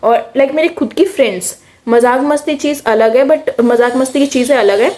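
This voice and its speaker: A young woman with an Indian accent tells a story from her school days in a chatty, lively way, dropping English words into her talk. Her voice sits a little high for a woman. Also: normal speed. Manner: chatty, animated, mixes English words into speech. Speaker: vlogger. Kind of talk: casual storytime.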